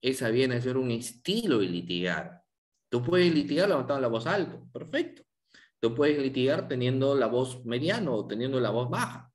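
A man's voice: medium pitch, big pitch swings, moderate pace. Man giving a lawyers' lecture. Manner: asks the audience rhetorical questions, with frequent tag questions. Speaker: law lecturer.

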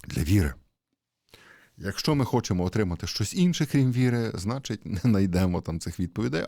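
A man giving a conversational sermon, asking rhetorical questions and pausing with hesitations. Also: low voice, dark tone, no echo, clean studio sound. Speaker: priest.

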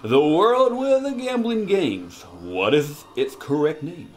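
A man voicing a scheming duck quiz show host from a video game, with slow, theatrical, gloating villain menace. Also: a little high, very animated, pitched above the performer's own voice. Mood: showy quizmaster. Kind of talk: reading game dialogue in character.

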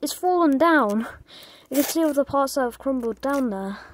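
A woman with a notably high voice hosts a casual home vlog, speaking into a handheld phone. She stumbles through plenty of fillers and restarts, sounding amazed. Faint noise sits behind her voice. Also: expressive, moderate pace. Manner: hesitant, many fillers, amazed. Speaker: hobby channel host. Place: indoor room at home. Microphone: handheld phone camera.

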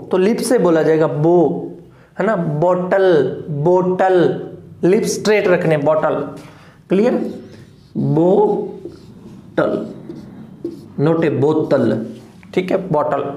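A man who speaks as his teaches English phonetics, going very slowly and saying each word several times over. He often stops to ask whether the class follows. His voice carries the echo of a hard-walled room. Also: sits high, dark tone. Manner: slow, repeats each word several times and checks with "clear?". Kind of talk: phonetics lesson. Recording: echoey room.

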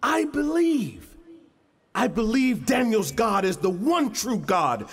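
A man's voice: very high voice, sing-song, takes it slowly, a bit bright, faint music behind, exaggerated voice. An actor playing a fervent king on stage, with emphatic, declamatory delivery. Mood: fervent, challenging. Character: fervent king newly convinced of Daniel's God. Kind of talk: projected stage drama acting. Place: theatre stage.

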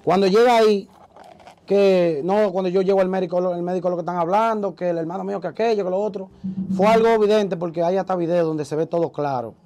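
A man, an interview guest telling a story in a casual, animated way and acting out the voices he quotes. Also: high-pitched, quick pace, rough recording.

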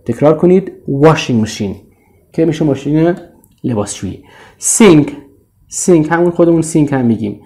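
A man with a Persian accent teaches English vocabulary in a dark, mellow voice at a middle pitch. He draws each model word out slowly and lets it sink low at the end before prompting his listeners to repeat after him. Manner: slow, drawn-out model words, often trailing off low.

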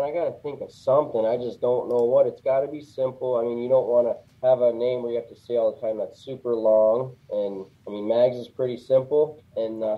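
Laid-back guy talking shop over a tinny call, says you know a lot. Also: medium pitch. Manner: relaxed, plainspoken, lots of "you know". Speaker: guest, custom fishing rod builder. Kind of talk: casual interview. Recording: tinny phone-like line.

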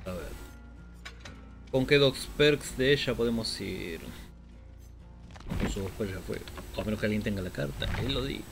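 A man with an Argentine accent streams a game in casual chat, excitable, swearing playfully and repeating words. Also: lowish voice, measured pace, gravelly, pauses often, over music. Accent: Argentine Spanish. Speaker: gaming streamer. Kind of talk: casual live gameplay chat.

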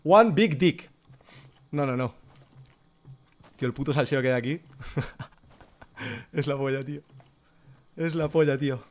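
A young man from Spain with a Spanish accent, live-streaming himself playing a game, excitable, swearing often and dropping English phrases into his commentary. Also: mid-range voice, measured pace, pauses often. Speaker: gaming streamer.

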